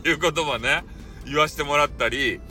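A man with a Hakata dialect accent chatting casually on his own stream, teasing and jumping in pitch. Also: bright, forceful tone, soft background music. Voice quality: teasing, jumpy pitch, drawn-out dialect vowels. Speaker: audio streamer. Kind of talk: casual chat monologue.

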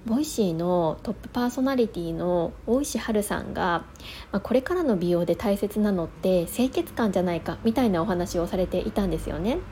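Mellow-voiced woman hosting a casual show. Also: mid-range voice, a little hiss or hum. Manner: polite, conversational, explanatory. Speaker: host of a daily morning radio-style show. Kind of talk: casual solo talk.

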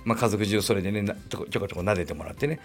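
A man's voice: fairly low pitch, rapid-fire, soft background music. A middle-aged man hosting a podcast, telling a story in a chatty, rambling way with wry asides. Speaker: podcast host. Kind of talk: casual storytelling monologue.

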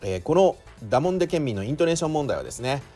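Husky-voiced man with a Shizuoka accent. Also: fairly high pitch, very animated, mellow, faint music behind. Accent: Shizuoka Japanese. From Shizuoka, Japan. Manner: chatty, with frequent drawn-out filler sounds. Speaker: podcast host. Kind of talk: solo podcast monologue.

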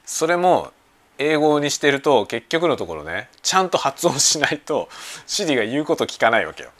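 A man hosting a casual chat show, talking in a relaxed, rambling way over lunch at home. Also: medium pitch, moderate pace. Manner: relaxed rambling talk while eating lunch. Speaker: podcast host. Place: home kitchen with everyday sounds. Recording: faint household background noise.

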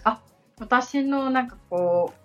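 A polite woman co-hosts a podcast and acts as assistant, answering questions conversationally in simple words. Her voice is a little high and she takes her time. The audio is slightly dull and muffled, with background music playing.

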